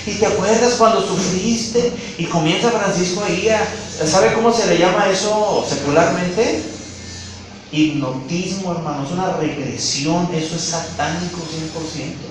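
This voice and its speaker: A man from Mexico, preaching a sermon to his congregation in an animated way and calling them brothers. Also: high voice, moderate pace, background noise. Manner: animated, addresses listeners as brothers. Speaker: pastor. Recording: echoey room, mic far off.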